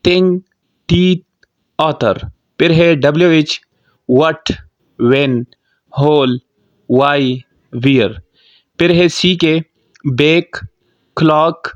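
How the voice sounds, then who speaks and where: A man teaching phonics, calmly explaining definitions and reading word lists. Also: fairly high pitch, dry recording, lo-fi sound. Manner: slow, deliberate, reads definitions and word lists aloud. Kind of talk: classroom explanation.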